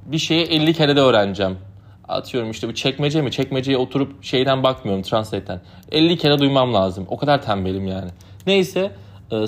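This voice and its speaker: A young man, a native Turkish speaker, casually recounting his summer as a camp counselor in a rambling, chatty way full of fillers. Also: medium pitch. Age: young adult. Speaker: podcast host. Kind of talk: casual storytelling.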